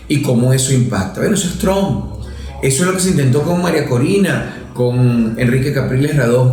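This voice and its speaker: Here a man in his fifties from Venezuela, both professor and politician, talks through political history in a mid-range, darkish voice. His lecturing style is methodical, punctuated by a questioning "no?" The recording has heavy room echo.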